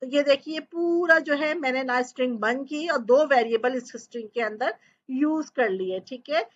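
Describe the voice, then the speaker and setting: A woman's voice: high-pitched, moderate pace, dull audio. A woman teaching programming, explaining step by step and often checking in with her students. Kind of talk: coding tutorial lecture.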